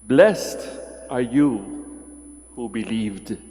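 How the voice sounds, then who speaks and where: A man, a priest proclaiming the Gospel at Mass in a measured, solemn way, heard in a cathedral echo. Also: mid-range voice, expressive, mellow. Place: large church. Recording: long church reverb.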